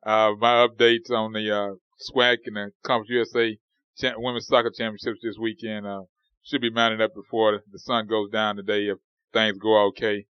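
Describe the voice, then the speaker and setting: Smooth-voiced man, rambling sports talk. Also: lowish voice, level tone, moderate pace, no echo, dull audio. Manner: rambling, many fillers and restarts. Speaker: podcast co-host. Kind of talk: casual sports podcast chat.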